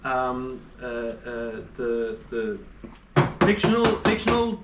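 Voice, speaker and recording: A man's voice: mid-range voice, very animated, slow pace. A man acting as quizmaster in a casual game among friends, teasing the players and often laughing. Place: room shared with a group of players. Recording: echoey room, mic far off, noisy.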